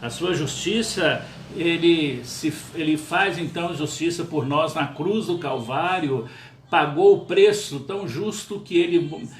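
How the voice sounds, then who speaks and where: A male pastor delivering a sermon in an earnest, measured way, with frequent pauses and small "ah" fillers. His voice sits a bit high for a man and rings in a reverberant room, with a faint hum behind it.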